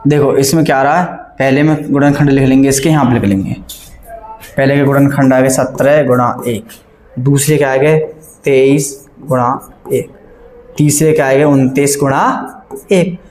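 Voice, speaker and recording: A man's voice: medium pitch, steady tone, moderate pace, darkish tone. Man teaching math in an echoey classroom. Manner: keeps asking the class questions and checking they follow; works sums aloud step by step, repeating numbers. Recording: echoey classroom, faint background noise.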